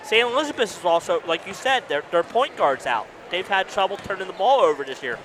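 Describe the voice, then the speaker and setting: A male color commentator with a slightly high voice analyzes a live basketball game. He talks conversationally, pausing to find his words. Clear gym noise and ball bounces sit behind him. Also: animated. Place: indoor school gymnasium. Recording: noisy gym with bouncing balls.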